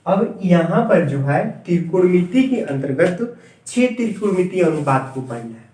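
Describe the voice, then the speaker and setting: A man's voice: sits high, animated, a little slow, a little mellow. A man teaching a classroom maths lesson, repeating and spelling out terms letter by letter for his students. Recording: echoey room, voice far from mic.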